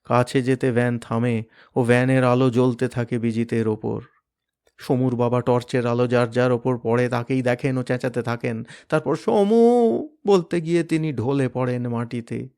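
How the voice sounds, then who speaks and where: A man reading a novel aloud in a dramatic, expressive manner, sometimes dropping to a hush. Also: medium pitch, moderate pace, clear, resonant tone. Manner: expressive, varied, hushed at moments. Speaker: reader of a novel.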